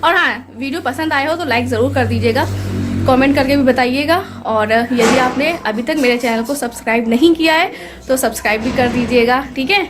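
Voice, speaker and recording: A woman's voice: high-pitched, fairly quick, over music. A young woman vlogging casually about her family, playful and chatty with a small child.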